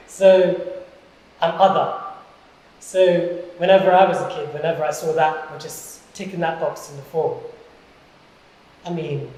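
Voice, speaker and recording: A man's voice: a little high, steady tone, measured pace, long pauses, darkish tone. Wry young man, very echoey. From London. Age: young adult. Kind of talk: interview answer. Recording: very echoey room.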